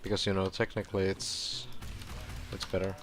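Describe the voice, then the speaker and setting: This is a gameplay tutorial streamer giving casual walkthrough commentary at a normal speed, his voice sitting low. Relaxed and rambling, he leans on fillers and keeps correcting himself. His voice has gone hoarse, and he clears his throat.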